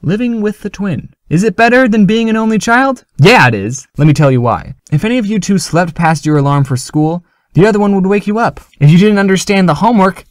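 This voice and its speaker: A man talking casually to his viewers as a YouTuber, joking with an animated delivery. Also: on the high side, no echo, studio quality. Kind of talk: casual vlog talk.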